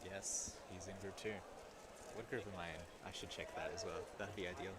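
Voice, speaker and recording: Fast-talking man over loud noise. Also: sits low, fairly even intonation. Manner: quick, teasing banter. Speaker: co-commentator. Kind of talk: live event commentary. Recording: loud background noise at venue.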